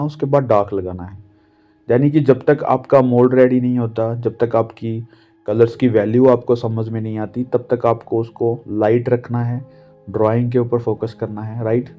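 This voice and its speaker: A man from India calmly explaining portrait shading step by step, like an art teacher. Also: medium pitch. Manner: patient, step-by-step explaining with fillers. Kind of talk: drawing tutorial talk. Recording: dull lo-fi audio with faint music. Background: faint background music.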